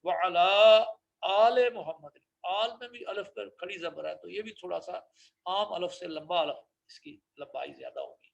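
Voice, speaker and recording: A man giving a religious lesson on correct prayer pronunciation, slowly drawing out recited phrases and correcting common mistakes. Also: sits high, vocal fry, highs cut off. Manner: slow drawn-out recitation of Arabic phrases between explanations; corrective, instructive tone. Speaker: religious teacher.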